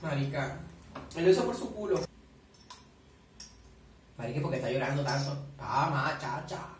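A man's voice: on the high side, animated, normal speed, slight background noise. A man doing chatty reaction commentary, swearing a lot and eating while he talks. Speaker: reaction vlogger. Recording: very echoey room, far from the mic.

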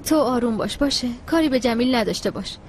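A woman's voice: a little high, animated, a little hiss or hum, lightly acted. A woman dubbing a caring but exasperated young woman in a TV drama, pleading and scolding. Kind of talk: dubbed TV drama.

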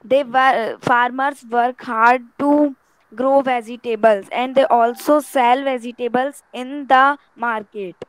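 A woman learner with a North Indian accent and native Hindi gives a halting practice talk. She speaks slowly, repeating the starts of phrases. The sound is close and dry. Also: on the high side, steady tone, clear, resonant tone, no echo, poor audio. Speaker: English learner in an online class.

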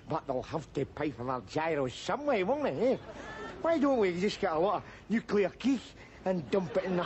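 A mouthy middle-aged Glasgow man rants in a broad Glaswegian Scottish accent, his fairly high voice swooping wildly between sarcastic jeers and shouts. It is a TV sitcom scene with a lot of noise from the outdoor location behind him. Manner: ranting, sarcastic, bursts of jeering shouts. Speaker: sitcom lead character. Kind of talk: television sitcom acting.

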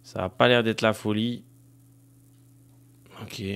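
A man's voice: on the low side, flat delivery, slow, creaky, clean tone. Chatty man commenting on his game. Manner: chatty, thinks aloud with many fillers, talks to viewers as "les gars". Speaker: gaming streamer.

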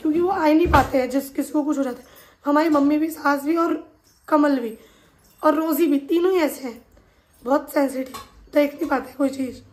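High-voiced woman telling a family story. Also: moderate pace. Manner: animated, retells events with quoted dialogue. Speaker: family vlogger. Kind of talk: casual storytelling vlog. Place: home kitchen.

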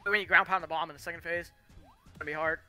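A young man commentating his speedrun race as he plays, with excited bursts of cheering. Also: fairly high pitch, racing, soft background music. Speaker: speedrunning gamer.

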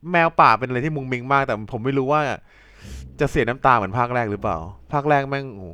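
A man hosting a let's play, talking excitably over the game and yelping and swearing when things get tense. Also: mid-range voice, fast, clean tone. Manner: excitable, yelps and swears in panic. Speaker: gaming channel host.

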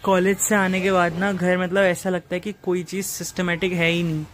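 A twenty-something man chats informally with his viewers as he narrates a casual tour of home rooms, a courtyard, and a small shop. His voice sits high with flat delivery at normal speed. It's a handheld recording on a phone at arm's length, with clear background noise.

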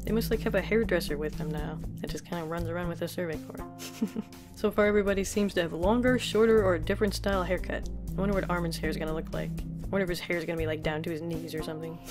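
A chatty woman reviews a comic in a loose, casual way, swearing freely and laughing easily. Her voice sits fairly low for a woman. Music plays clearly behind her the whole time. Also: steady tone, fast. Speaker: manga reviewer. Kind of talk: casual reaction commentary, reading aloud. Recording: her own background music playing.

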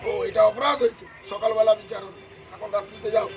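An older former councillor with a West Bengal Bengali accent agitatedly tells a reporter about an attack on his home, acting out the quarrel in quoted speech. His voice is high and quick, captured on a noisy outdoor street recording with a crowd behind him.

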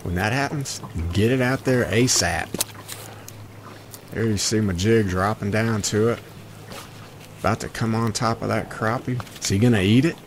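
A middle-aged man fishing from a small open boat on a lake keeps up casual, folksy, enthusiastic commentary for his vlog. His voice sits on the low side at normal speed with long pauses, and the outdoor wind and boat noise are clear.

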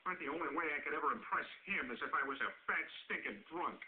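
A man voicing a fat, childish American oaf in an animated comedy, dim, earnest and blustering, with an American accent. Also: fairly high pitch, quick pace, a little hiss or hum, natural voice. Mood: determined. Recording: tinny TV audio re-recorded, music behind.

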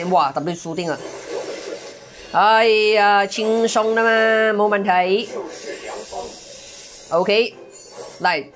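A woman doing excitable live gameplay commentary, full of exclamations and mild curses. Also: medium pitch. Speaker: game streamer.

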